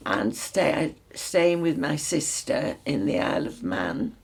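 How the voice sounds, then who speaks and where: A very old woman in her nineties with a mixed Northern English accent, reminiscing in an unhurried, emphatic way with pauses. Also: low voice, big pitch swings, darkish tone. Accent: mixed Northern English, Lancashire. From Salford, north of England. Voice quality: very old woman's voice, husky and creaky. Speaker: interview guest. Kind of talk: reminiscing life story in conversation.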